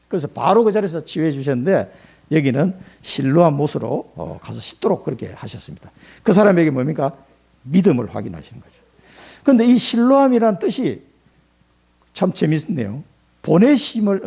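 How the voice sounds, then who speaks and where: A man's voice: fairly high pitch, vocal fry, dark tone, breathy edge. A middle-aged male pastor preaching a sermon in a colloquial storytelling way, acting out quotes as he goes.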